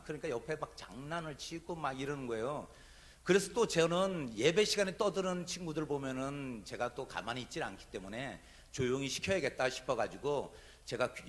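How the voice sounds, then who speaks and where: Korean pastor telling a lively story. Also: male voice, fairly high pitch. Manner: animated, humorous anecdote telling. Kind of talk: sermon with storytelling. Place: church sanctuary.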